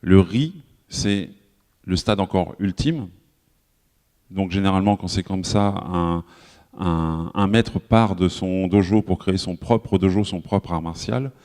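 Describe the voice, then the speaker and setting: A man's voice: sits low, a little slow, warm tone. French man lecturing in a reverberant hall. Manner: conversational, many fillers and self-corrections, addresses the audience directly. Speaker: conference speaker. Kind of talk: live conference talk. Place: conference hall.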